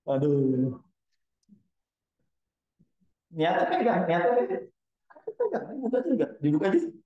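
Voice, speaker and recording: A man leading a casual religious study gathering, often quizzing his listeners and joking, with sudden high bursts in his voice. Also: wildly swooping pitch. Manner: keeps quizzing the audience with quick questions. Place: Islamic boarding school gathering hall. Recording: roomy, slightly dull sound.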